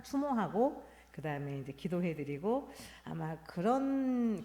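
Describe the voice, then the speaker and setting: Woman minister, 50s, halting reflective sermon, low mellow voice, long hall reverb. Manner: halting, reflective, personal storytelling. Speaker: Won Buddhist minister. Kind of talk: sermon talk at a Sunday service. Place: temple hall.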